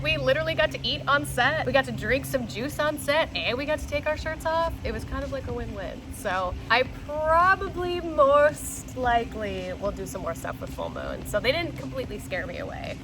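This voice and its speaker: A woman's voice: on the high side, low-quality recording. A tipsy young woman chatting casually through a Q&A, rambling, playful and frank. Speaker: vlogger and actress answering viewer questions.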